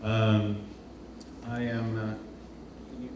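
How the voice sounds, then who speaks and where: A Portuguese designer presents informally at a slow pace, his lowish voice carrying little pitch movement. He hesitates often, repeating words as he searches for phrasing. The indoor event space echoes heavily, and the live hall capture is roomy, distant and noisy.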